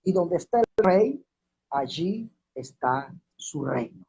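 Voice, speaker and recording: A man preaching a sermon as minister, slowing down and repeating verses to drive his points home. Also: a little high, animated, creaky, dark tone. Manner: slows and drops his voice to stress key words, repeats verses. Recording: dull lo-fi recording.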